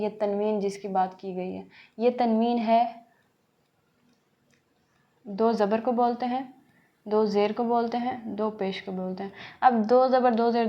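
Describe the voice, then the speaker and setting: A woman's voice: a little high, highs cut off. A woman teaching a recorded tajweed lesson, patient, repeating key points and answering her own questions. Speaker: Quran teacher.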